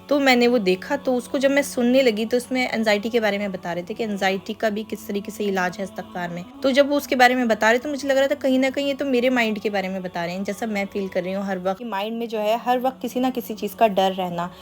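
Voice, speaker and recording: A woman hosting her own channel, telling a personal religious testimony in an earnest, confiding, unhurried way. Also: on the high side, faint music behind. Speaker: channel host.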